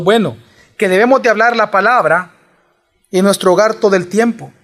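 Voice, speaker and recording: A man's voice: extremely high pitch, a bit bright. A man preaching a sermon, pressing his listeners with emphatic rhetorical questions.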